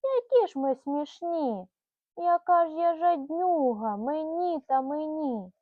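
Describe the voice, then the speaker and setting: A woman voicing a greedy, excitable female squirrel in a bedtime storybook, exclaiming her lines slowly. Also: high-pitched, no room sound, exaggerated voice. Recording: tinny phone-like sound.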